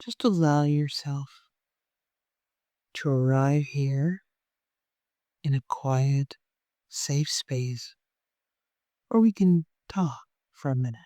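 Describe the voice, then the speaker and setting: With a medium-pitched voice and no audible room sound, this meditation guide, of uncertain sex, speaks softly and gently. The pace is slow and relaxed, broken by long pauses as the guided meditation unfolds.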